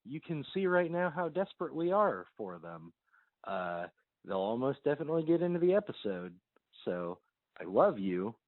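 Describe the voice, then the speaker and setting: A man's voice: mid-range voice, big pitch swings, normal speed, no echo. A man hosting a podcast, rambling and joking in a casual chat, heard over a landline phone voicemail. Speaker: podcast host. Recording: tinny phone line, dry.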